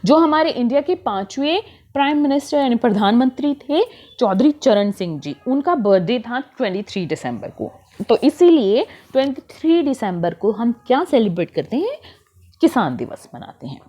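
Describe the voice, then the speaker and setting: A woman's voice: fairly high pitch, sing-song, dark tone, dull audio. A woman teacher giving a lesson to young children, asking questions and repeating letter sounds. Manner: reads English sentences very slowly.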